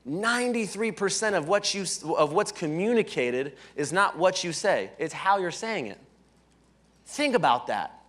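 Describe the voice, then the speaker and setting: Man, high-pitched voice, sales leadership trainer, live seminar talk, energetic, asks the audience questions, conference hall. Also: moderate pace. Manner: energetic, keeps checking in with "right?".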